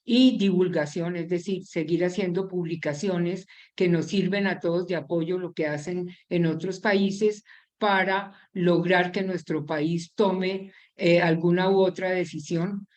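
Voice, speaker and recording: A woman's voice: fairly low pitch, steady tone, measured pace, a little mellow. A woman, a physician on a panel laying out her points in order. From Colombia. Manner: organized, lists points clearly. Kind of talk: panel discussion.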